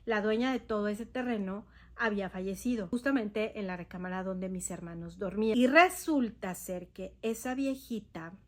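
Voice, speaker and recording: A woman with a Mexican accent telling her own ghost stories to listeners, chatty and hesitant, slowing down for suspense. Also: medium pitch. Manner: conversational, hesitant fillers, slows for suspense. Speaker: podcast host. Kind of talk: personal ghost-story telling.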